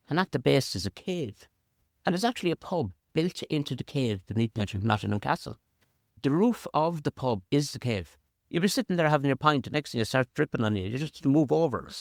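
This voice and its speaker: A man's voice: mid-range voice, vocal fry, no room sound, clean studio sound. An Irish man telling local history in an interview like a practised storyteller, repeating words and piling up short phrases for emphasis. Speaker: pub representative and local storyteller.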